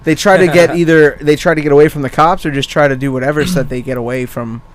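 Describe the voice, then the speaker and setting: A man's voice: a little high, steady tone, fast, no echo. A man co-hosting a podcast, joking around and telling rambling stories in casual banter. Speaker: co-host.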